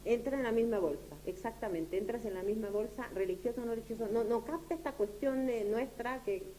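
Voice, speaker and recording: This woman from Latin America has a higher, mellow voice and gives an informal lecture with audience questions. She speaks haltingly, repeats points, and checks for understanding. The noisy recording carries obvious background noise and a low hum.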